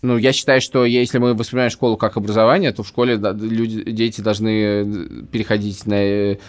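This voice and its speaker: A man in his thirties co-hosts a podcast, his lowish voice brisk and flat as he chats casually and emphatically in an opinionated way. He often repeats and rephrases himself.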